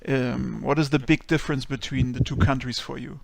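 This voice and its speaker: Guy doing a chill interview, kinda gravelly, dry close sound. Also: mid-range voice, fairly even intonation, brisk, no echo. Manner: friendly, hesitant questions with many ums. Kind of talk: casual interview.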